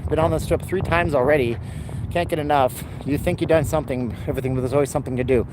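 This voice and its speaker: A vlogger live streams a city walk on his handheld phone beside a busy boulevard, rambling and answering chat comments while repeatedly clearing a dry throat. His voice is on the high side, steady, fast and darkish, and the poor outdoor phone audio picks up passing cars and street traffic.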